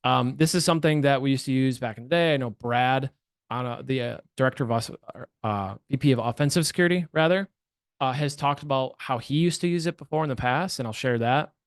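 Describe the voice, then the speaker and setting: A man's voice: mid-range voice, fairly quick, no room sound, clean studio sound. A man presenting a webinar as a penetration tester, talking casually and correcting himself as he goes. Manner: chatty, uses filler words and restarts, self-corrects often.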